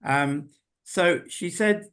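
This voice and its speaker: An older man giving an unhurried, thoughtful talk over a video call, pausing often with ums. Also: on the high side, a bit bright. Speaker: invited presenter. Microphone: video call computer mic.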